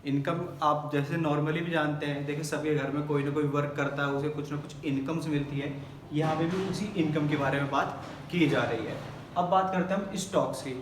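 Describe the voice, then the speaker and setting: A man's voice: a little high, slight background noise. Man teaching from a distance, echoey room. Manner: asks and answers his own questions; mixes English terms into Hindi. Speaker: accountancy teacher. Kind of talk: classroom lesson explaining terms. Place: classroom with a board.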